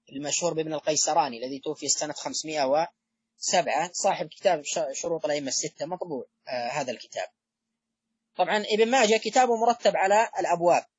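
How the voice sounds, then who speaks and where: A male lecturer delivers a measured academic talk, stopping often on long fillers and restarting his phrases. His voice is husky and slightly breathy, set close and dry with almost no room sound. The recording is a little dull and muffled. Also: a little high, no echo. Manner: halting delivery with frequent drawn-out fillers and restarts. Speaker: lecturer on hadith studies.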